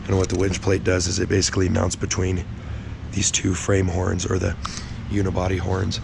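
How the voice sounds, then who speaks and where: A man speaks in a raspy, worn-out voice, hoarse and low, with heavy fry. He explains hands-on work casually and bluntly, swearing freely. There is clear noise behind him. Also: completely flat delivery, normal speed. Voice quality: raspy, strained, gravelly voice. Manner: blunt, swearing, laid-back. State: hoarse, sick with little voice. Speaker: host of a truck build vlog.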